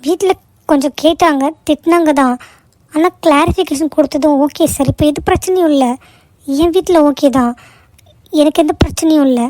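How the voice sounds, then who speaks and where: Gentle young office worker, voiced by a woman, cartoon: high voice, soothing and patient. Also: moderate pace, no echo, lightly acted. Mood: reassuring. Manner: soothing, patient, warmly persuasive. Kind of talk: cartoon voice acting.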